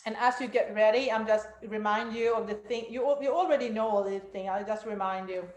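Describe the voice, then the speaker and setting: A woman teaching guided meditation, giving gentle instructions to a group as the teacher. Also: on the high side, steady tone, brisk. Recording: roomy, echoey room sound.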